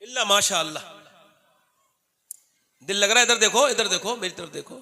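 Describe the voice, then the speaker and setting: A man's voice: high voice, moderate pace, gravelly, pushed and bright. A man preaching a fiery sermon to a gathering, exhorting and repeating questions to draw responses. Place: religious gathering, through a PA.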